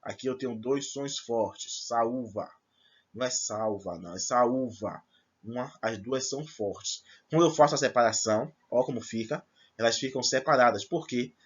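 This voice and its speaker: A man's voice: medium pitch, moderate pace, breathy edge, highs cut off. A man teaching a grammar lesson to first-year students, explaining step by step and checking in with his class. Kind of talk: recorded remote class lesson.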